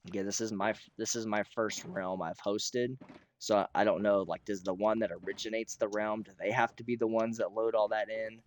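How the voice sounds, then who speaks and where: Hoarse, low-voiced American man streaming. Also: fairly even intonation, a little fast, slight background noise. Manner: rambling, frequent throat clearing. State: hoarse, rough throat. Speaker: streamer hosting a Minecraft realm. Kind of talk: casual livestream chat while gaming.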